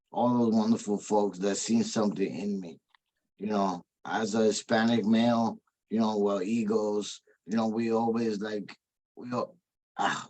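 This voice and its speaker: A man, a former treatment client, giving a heartfelt, emotional testimony in a halting, rambling way, with many "you know what I mean" asides. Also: fairly low pitch, darkish tone, low-quality recording. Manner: emotional, sincere.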